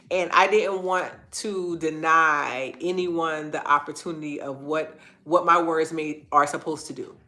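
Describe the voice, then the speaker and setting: Congested and stuffy-nosed, a woman with a lowish, sharp voice hosts a live online talk with an inspirational faith-based focus. She speaks earnestly, repeating phrases to drive her points home.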